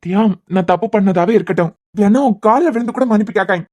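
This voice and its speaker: A voice actor playing a young husband in a cartoon serial, with a Kanyakumari Tamil accent, pleading and trying to calm his wife. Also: mid-range voice, quick pace, close to an everyday voice. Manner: pleading, soothing, insistent.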